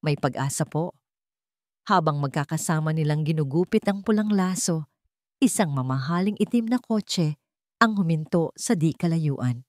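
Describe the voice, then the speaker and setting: A woman tells a sentimental tale in a low voice with soft edges, measured and earnest, like a storyteller reading from a script. Her intonation is lively, and the sound is very dry and close with no echo.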